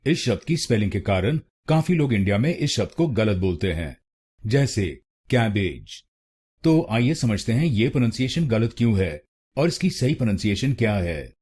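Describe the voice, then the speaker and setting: A man with an Indian accent, explaining how to pronounce a word in a slow, careful tutorial and repeating each word. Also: fairly low pitch, a little mellow, slightly rough. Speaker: pronunciation teacher.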